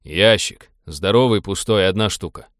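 A blunt male ship pilot talks in low, dry slang, voiced by a man reading aloud. He sounds practical and unimpressed. The voice is close and dry. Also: moderate pace, a bit bright, no echo.

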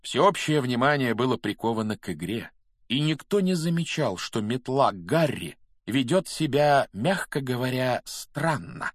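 A man narrating a fantasy audiobook in a brisk, steady storytelling manner. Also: mid-range voice, no room sound, clean studio sound. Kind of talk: scripted narration.

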